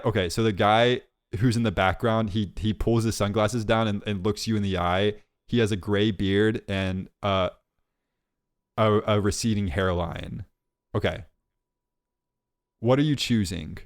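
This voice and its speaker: A man co-hosting a podcast, chatting casually and teasing his co-host in joking banter. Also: on the low side.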